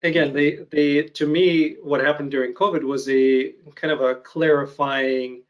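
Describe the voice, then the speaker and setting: A man in his thirties from Ukraine hosting an interview over a video call, talking in a thoughtful, measured way with frequent pauses. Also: a little high, steady tone, poor audio. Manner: thoughtful, measured, hesitant with fillers. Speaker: podcast host. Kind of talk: casual interview chat.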